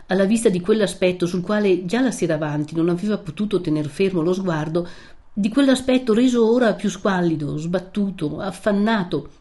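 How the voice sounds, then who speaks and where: A woman narrating a literary audiobook in a measured, expressive way. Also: fairly low pitch.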